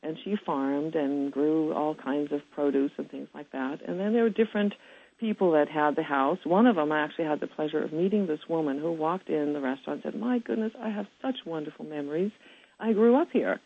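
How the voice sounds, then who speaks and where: A woman's voice: low-pitched, fairly quick, husky. A woman from Germany, a restaurant owner, telling stories as a guest in a radio interview over a phone line. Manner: warm storytelling with frequent laughs.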